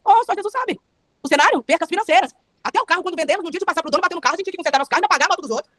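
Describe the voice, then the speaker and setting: A woman's voice: very high voice, fairly bright tone, dry recording. A young adult woman with a Brazilian Portuguese accent, giving a fervent testimony sermon with a repetitive preaching cadence.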